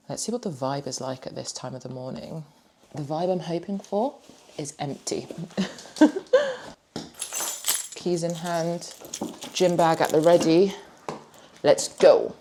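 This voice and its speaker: A young woman with a notably low voice talks through her day in a chatty, upbeat vlog. She is self-deprecating and laughs easily. Clear background noise runs behind her voice. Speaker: vlogger. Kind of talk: casual vlog narration.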